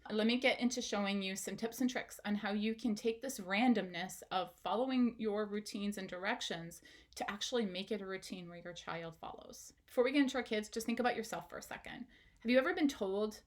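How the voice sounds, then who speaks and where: A woman's voice: medium pitch, a little fast. A woman, a parenting educator, giving an instructional talk straight to the viewer, asking questions and encouraging them.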